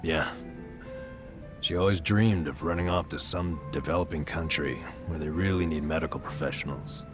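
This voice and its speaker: With a rumbling low voice at a moderate pace, an actor plays a video game's burned-out, middle-aged former nurse. His American-accented account carries wry, self-deprecating weariness and a resigned mood, set against music.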